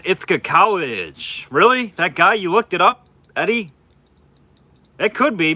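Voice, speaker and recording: A man hosting a live online auction, chatting casually with viewers between quick bid calls. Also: on the high side, pushed and bright. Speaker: livestream auctioneer.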